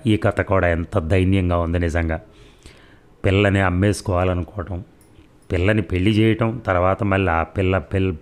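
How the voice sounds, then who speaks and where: Deep-voiced man narrating a story. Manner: steady, earnest telling with heartfelt asides.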